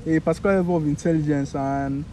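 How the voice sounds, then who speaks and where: A man's voice: on the high side, fairly even intonation, fast talker, dark tone, a little hiss or hum, rough recording. A young man from Nigeria with a Nigerian accent, chatting casually as a podcast co-host and often searching for words. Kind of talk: casual chat.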